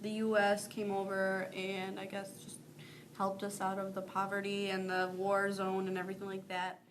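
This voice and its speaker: A young woman originally from Bosnia talks casually in a very flat, monotone voice. Clear background noise is heard behind her. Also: medium pitch, normal speed. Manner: casual, with fillers. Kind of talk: casual interview answer.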